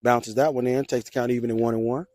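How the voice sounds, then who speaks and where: A young man calls his school's baseball game with open partisan enthusiasm, his mid-range voice leaping up whenever a pitch or swing turns exciting. The recording is dry and close, with no room sound around him. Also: quick pace, no echo. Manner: excitable, rises sharply on big plays. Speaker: play-by-play announcer for a school team. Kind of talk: homer play-by-play commentary. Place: ballpark.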